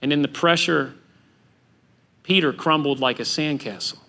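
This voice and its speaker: A man preaching a sermon as pastor, animated and acting out the voices of biblical figures. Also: on the high side, normal speed.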